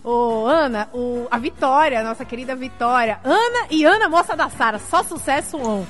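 A woman hosting a live-streamed interview, chatting lively and reading out viewer messages. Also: high voice, moderate pace, soft background music. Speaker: interview host.

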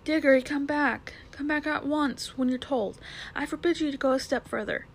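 A woman voicing a timid, fussy older gentleman who shouts trembling commands in a raised pitch. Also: moderate pace, a little hiss or hum. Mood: scolding.

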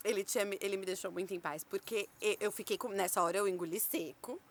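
A woman's voice: mid-range voice, fast. A woman with a Brazilian Portuguese accent, hosting a casual podcast and animatedly telling a story, acting out the lines of the people in it. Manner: animated storyteller, acts out quotes, laughs often.

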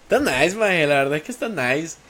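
A man's voice: on the high side, sing-song, brisk, fairly bright tone. A man co-hosting a podcast in casual, laid-back chat, slangy and enthusiastic. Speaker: podcast co-host.

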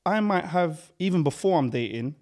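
London roadman bloke chatting on a podcast, slightly high voice, slangy, arguing his point. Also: lively intonation, moderate pace, darkish tone. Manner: urban roadman slang delivery. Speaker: podcast panellist. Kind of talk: casual group debate.

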